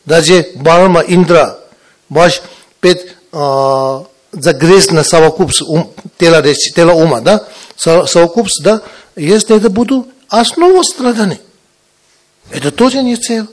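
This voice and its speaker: A man with a foreign accent, not a native Russian speaker, giving a Buddhist teaching in halting, broken Russian and often checking that listeners understand. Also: a little high. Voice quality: broken Russian with wrong grammatical endings. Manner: halting, repetitive, often checking understanding with short tag questions. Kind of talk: spiritual teaching talk to students.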